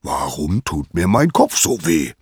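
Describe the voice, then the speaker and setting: A man's voice: extremely low pitch, wildly swooping pitch, a little slow, vocal fry, darkish tone, slightly rough, no room sound, studio quality, exaggerated voice. A man voicing Zeus as a mighty, grumpy old god-king suffering a headache, groaning and suspicious. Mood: irritable, aching.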